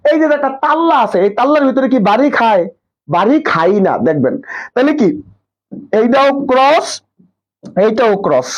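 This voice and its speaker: A young man leads a live online class, firing questions and repeating the answers back. His voice sits very high. The stream audio sounds dull and lo-fi. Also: sing-song, normal speed, pauses often. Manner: quizzing, drills students with questions and repetition. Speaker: online tutor.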